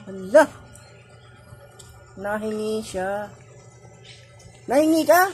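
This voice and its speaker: A woman's voice: mid-range voice, lively intonation, extremely slow, darkish tone, soft background music. A young woman filming her pet at home, teasing it in playful baby talk and laughing often. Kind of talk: playful home video narration.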